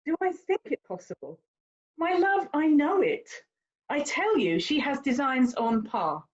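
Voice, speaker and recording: In a period stage drama, a woman plays a haughty young lady, lecturing like a worldly, condescending older sister and stressing points theatrically. Her fairly high voice swoops about, very animated and at a measured pace, sounding indignant. The recording is dull and slightly lo-fi.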